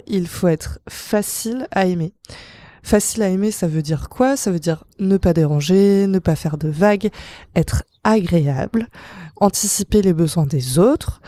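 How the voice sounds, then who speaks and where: A woman's voice: lowish voice, mellow, dry recording. A woman hosting a psychology podcast, explaining things in a chatty, conversational way with playful asides. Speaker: podcast host. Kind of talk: casual psychology podcast monologue.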